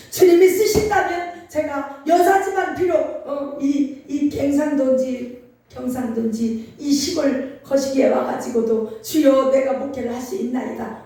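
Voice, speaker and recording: Middle-aged woman pastor with a Chungcheong Korean accent, high voice, lively emphatic sermon, heard from a distance. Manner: lively, emphatic preaching with call-and-response. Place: church sanctuary. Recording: echoey church hall from far off.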